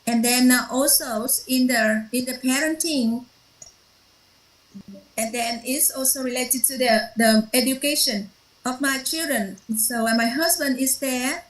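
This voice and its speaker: A woman whose first language is Vietnamese shares a personal story at a workshop, halting often with fillers and restarts. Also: sits high, reverberant, poor audio. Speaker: workshop participant.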